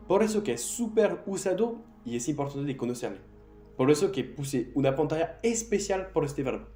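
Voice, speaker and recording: A man teaching an online language lesson, patiently repeating words slowly for drills and encouraging the learner directly. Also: fairly high pitch, dark tone, roomy sound.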